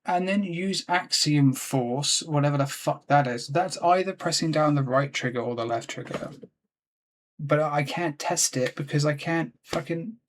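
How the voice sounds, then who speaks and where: A man's voice: fairly high pitch, normal speed, a little hiss or hum. A frustrated man giving gameplay commentary at his computer, swearing constantly and talking to himself. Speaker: let's play gamer.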